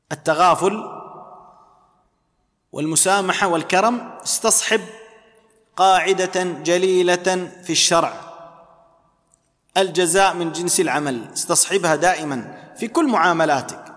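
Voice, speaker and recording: High-voiced preacher in a reverberant hall. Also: male voice, a little slow, pauses often, fairly bright tone. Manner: explanatory, repeats key phrases. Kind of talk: religious lesson.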